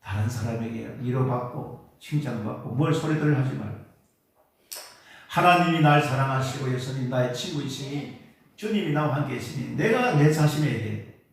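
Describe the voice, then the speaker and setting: A man's voice: mid-range voice, animated, normal speed, gravelly. A male pastor preaching a Sunday sermon in an earnest, coaxing way, often repeating phrases and prompting the congregation. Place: church sanctuary during Sunday service. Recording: echoey church hall from far off.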